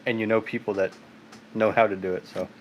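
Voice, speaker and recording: A man's voice: lowish voice, flat delivery, brisk, muffled recording, a little hiss or hum. A man hosting a casual live stream from his garage, chatting and laughing while he reads out viewer comments. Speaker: livestream host. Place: home garage. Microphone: phone on tripod.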